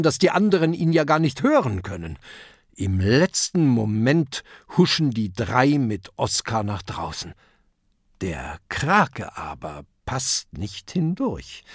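Slow, expressive children's audiobook narrator. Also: mid-range voice, slightly rough, no echo, studio quality. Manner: expressive, dramatic storytelling. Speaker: audiobook reader.

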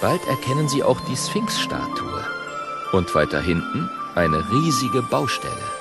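A man narrating a children's audiobook in an expressive way. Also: medium pitch, measured pace, gravelly, loud music behind the voice.

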